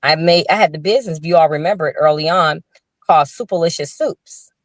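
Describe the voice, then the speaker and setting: An older woman, a Chicago restaurant owner, talks fast in a low-pitched voice while telling her story over a video call. Her casual, earnest interview talk has frequent restarts. The sound is studio quality with no room sound.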